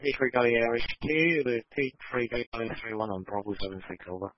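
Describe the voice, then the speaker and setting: A man's voice: medium pitch, no room sound. A man on a fire crew making clipped procedural calls over a two-way radio, ending each one with "over". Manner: brisk, formal call-and-response with "over". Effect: heard over a two-way radio. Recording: muffled dry two-way radio audio.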